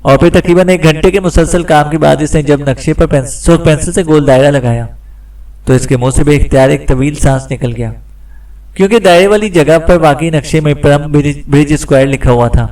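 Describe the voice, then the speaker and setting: Brief: male storyteller reading a thriller, somewhat high-pitched, set back from the mic. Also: fairly quick, far from the mic, low-quality recording. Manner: steady storytelling delivery. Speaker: audiobook narrator. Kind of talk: scripted narration.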